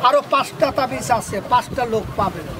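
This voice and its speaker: Man, street charm seller, very high voice, insistent repetitive pitch, noisy outdoor crowd. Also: lively intonation, fairly quick. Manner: insistent, repetitive patter in short phrases. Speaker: street hawker selling amulets and herbal charms. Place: outdoors at a busy public spot. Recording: busy outdoor street, loud crowd and traffic.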